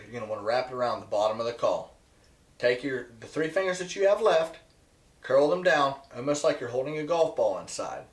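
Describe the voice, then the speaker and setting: A man presenting an instructional video to viewers, emphatic and repeating key points for stress. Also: fairly high pitch. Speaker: presenter teaching goose calling. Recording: echoey, roomy sound.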